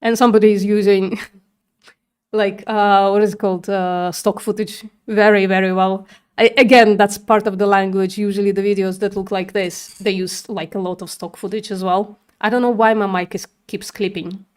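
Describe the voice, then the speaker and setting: A woman's voice: medium pitch, little pitch movement, moderate pace, clear, resonant tone. A woman streamer chatting casually in a reaction stream, full of uh and like, with her mic clipping and distorting. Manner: chatty, many fillers like uh and like. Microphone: desk mic close to her mouth.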